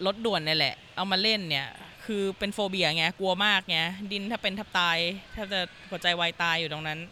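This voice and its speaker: A woman's voice: fairly low pitch, sharp tone, slight background noise. A woman guest telling her experiences in a chatty, rambling way, full of fillers. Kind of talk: casual conversation.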